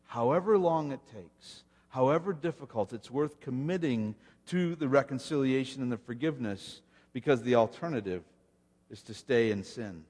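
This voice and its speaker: A man's voice: medium pitch, normal speed, a little mellow, husky. A man preaching a sermon, dramatically voicing God's words with rising intensity. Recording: long hall reverb.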